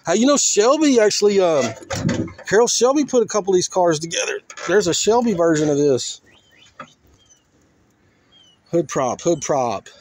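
A man hosting a car crushing vlog speaks in a high-pitched, darkish, expressive voice at normal speed, with long pauses. Walking around an outdoor junkyard, he chats in a folksy, colloquial way, half to himself. An operator records on a handheld phone or camera, picking up faint outdoor noise.

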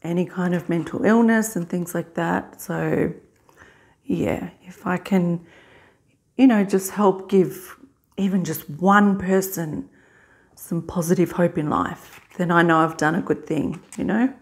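A middle-aged woman in a casual mukbang vlog, chewing while talking in a halting, unhurried way with pauses to eat. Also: on the low side, steady tone. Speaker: vlogger. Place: small indoor hospital room.

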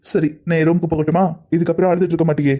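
A man voicing a kind older father-in-law who talks gently and reassuringly in a cartoon family drama. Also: on the high side, level tone, rapid-fire, lightly acted. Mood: soothing. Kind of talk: cartoon voice acting.

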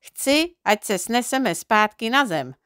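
A woman voicing an eager, boastful little boy dwarf in a storybook reading, talking in quick explaining bursts. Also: fairly high pitch, lively intonation, a bit bright, smooth, no echo, clean studio sound.

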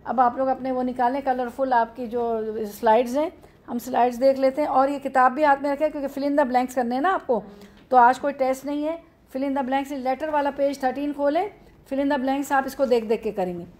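A woman teaching grammar to a class works through the material one step at a time, frequently asking questions she then answers. Her Urdu-accented voice is slightly raised in pitch and a little mellow, with fairly even intonation at a normal speed.

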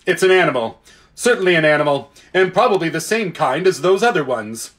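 A blunt, indignant bulldog speaks up loudly and firmly. A man puts it on while reading a storybook aloud, his voice a little raised and forceful. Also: a little high, lively intonation, a little fast, voice pushed up. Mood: emphatic. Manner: blunt, emphatic. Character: gruff, indignant talking bulldog.

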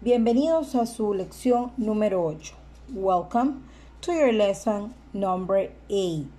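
Woman teacher, slightly high voice, very slow and careful drill delivery. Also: mellow. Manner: slow, deliberate, repeats words for the listener. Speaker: English teacher. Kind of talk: slow bilingual vocabulary lesson.

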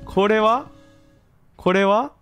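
A man streaming a game, reacting loudly and excitedly as he plays. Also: sits high, slow, clear, resonant tone, soft background music. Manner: shouting, animated gaming reactions.

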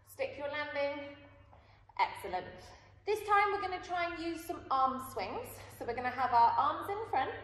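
A woman in her thirties instructing young children like an upbeat kids show host, encouraging and sing-song while demonstrating moves. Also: sits high. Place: large indoor gymnastics hall. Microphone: far camera. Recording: very echoey hall from a distance, faint noise.

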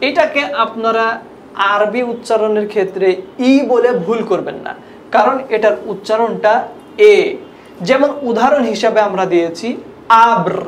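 A woman gives a patient, methodical language lesson, spelling out examples and repeating them for her viewers. Her voice sits at a middle pitch and carries a noticeable room echo, with a faint hum of ambient noise underneath. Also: moderate pace. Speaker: Persian language teacher.

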